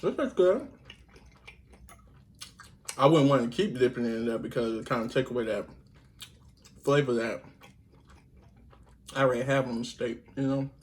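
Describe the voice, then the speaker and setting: A man's voice: mid-range voice, steady tone, brisk, pauses often. Chatty man eating on camera. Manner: chatty, addresses viewers as y'all, hums while chewing. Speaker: mukbang vlogger. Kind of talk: casual eating vlog chat.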